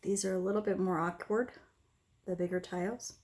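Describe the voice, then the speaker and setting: A woman with a slightly low voice hosts a casual craft demonstration. She talks through each step as she works, unhurried and conversational. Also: steady tone, darkish tone. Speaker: host of an acrylic pour painting tutorial. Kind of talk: casual craft demonstration, narrating as they work.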